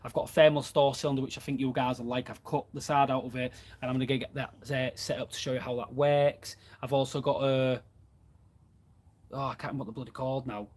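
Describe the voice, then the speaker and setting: A man's voice: medium pitch, fairly even intonation, fast talker, darkish tone. A man, chatting casually about running his plumbing business in a live question and answer from his van. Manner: chatty and plain-spoken, reads out viewer comments. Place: inside a van.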